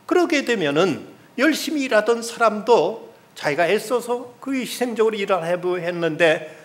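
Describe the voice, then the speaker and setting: A man's voice: high-pitched, sing-song, normal speed. A middle-aged man, a pastor, preaching a Sunday sermon and earnestly retelling a story to make his point.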